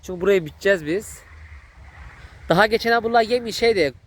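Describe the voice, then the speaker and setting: A man, vlogging outdoors in a village and excitedly calling to a dog. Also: high voice, fast. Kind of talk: casual vlog commentary.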